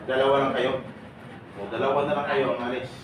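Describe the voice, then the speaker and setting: A man leading a seminar for departing overseas workers, joking and firing quick questions at his audience. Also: mid-range voice, little pitch movement. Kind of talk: lively seminar talk to an audience. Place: large hall with an audience. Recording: echoey hall, mic far off, noisy.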